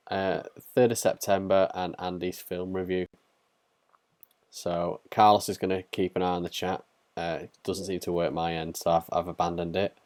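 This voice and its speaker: A man co-hosting a podcast livestream, talking in a relaxed, rambling way with lots of fillers. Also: sits low, no room sound. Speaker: podcast co-host. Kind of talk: casual livestream chat.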